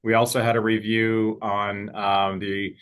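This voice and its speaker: A man serving as a state representative, giving a steady explanatory update in an interview over a video call. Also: lowish voice, measured pace, clear, resonant tone.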